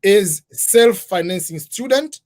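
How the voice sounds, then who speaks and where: A man's voice: high-pitched, lively intonation, slow. A middle-aged man from Tanzania, a guest in an interview, explaining methodically in numbered points. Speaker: guest, scholarship advisor.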